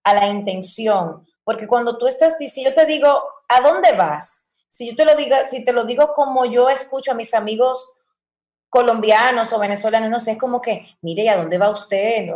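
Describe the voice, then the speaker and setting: A woman's voice: fairly high pitch, normal speed. Dominican woman, echoey room. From Dominican Republic. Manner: expressive, acts out example lines in varied voices. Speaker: guest, voice-over mentor. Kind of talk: casual interview talk.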